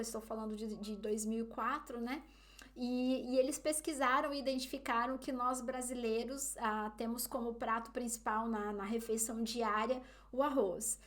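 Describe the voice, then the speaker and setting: A woman's voice: on the high side, fairly even intonation, moderate pace. A woman from Brazil with a Brazilian Portuguese accent, telling a story casually to her viewers and often turning to them directly. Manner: chatty, often addresses listeners as "gente". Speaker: vlogger.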